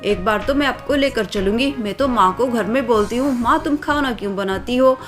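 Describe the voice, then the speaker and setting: A woman's voice: on the high side, natural voice. A woman playing a spoiled snobbish rich girl. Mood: snooty. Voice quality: boastful, dismissive, drawn-out complaining. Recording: faint background music.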